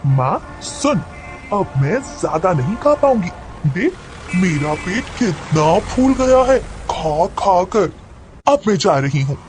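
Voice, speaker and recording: A high, crazed schoolgirl voice, put on by a man, swooping wildly as she taunts in a singsong and cackles. She is pregnant and fixated on her exams, and she shrieks her warnings to other girls in a storybook tale. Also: very animated, takes it slowly, faint music behind, heavily acted. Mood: pleading.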